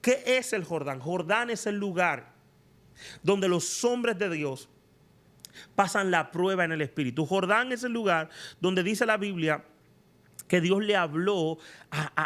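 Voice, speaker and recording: A man's voice: sits high, fairly bright tone. A man preaching a sermon as a prophet and teacher, asking emphatic rhetorical questions. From Latin America.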